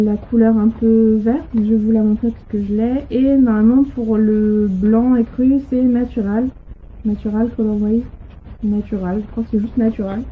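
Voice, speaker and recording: A woman chatting casually about her crochet and knitting projects at home, hesitant and full of fillers. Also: slightly rough. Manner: hesitant, full of "euh" and restarts. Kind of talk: casual show-and-tell chat. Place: home, on a sofa. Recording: tinny low-quality home audio.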